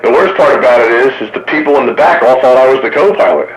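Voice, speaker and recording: Talking fast in a medium-pitched voice, a man on an amateur radio round table keeps the chat casual and tells joking stories over a two-way radio. A receiver picks up the transmission, which sounds muffled and staticky with faint noise.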